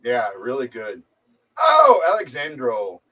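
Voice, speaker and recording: A man of middle pitch talks loosely through a muffled, speakerphone-like sound, as if the mic sits some way off. He has a slight head cold. He rambles and often repeats himself as he hosts a casual chat. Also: wildly swooping pitch, slow, bright, forceful tone, far from the mic. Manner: rambling, hesitant, stumbling repeats. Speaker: livestream host.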